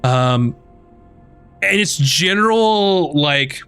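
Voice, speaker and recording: A man narrating as game master, relaxed and rambling, with many ums and likes. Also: fairly high pitch, drawn-out words, clear, resonant tone, soft background music.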